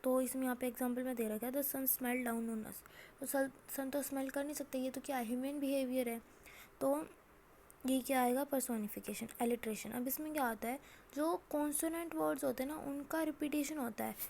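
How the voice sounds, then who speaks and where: High-voiced woman teaching a class. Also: steady tone, a little mellow, a little hiss or hum. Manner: asks and answers her own questions, reads examples slowly. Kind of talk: classroom lesson.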